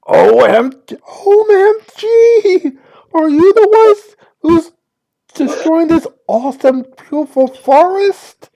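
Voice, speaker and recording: A woman's voice: very high-pitched, sing-song, slow pace, warm tone, lo-fi sound, voice pushed up, heavily acted. A woman voicing a bubbly, gushing sorority-girl druid with a Valley Girl accent in a tabletop game. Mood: gushing dismay.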